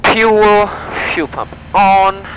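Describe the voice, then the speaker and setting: In a small propeller plane's cockpit, in flight and on the taxiway, a young man in his twenties piloting solo reads checklists, comments, and handles radio calls. His voice sits high and he talks extremely slowly. It's a low-quality headset boom mic recording, steady engine hum throughout.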